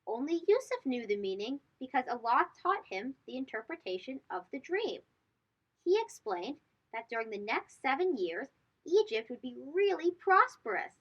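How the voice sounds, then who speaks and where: A read-aloud show host reads a storybook for kids at a moderate pace, her high voice breathy at the edges yet very animated. She stresses phrases and asks young listeners questions, all in a recording that sounds slightly dull.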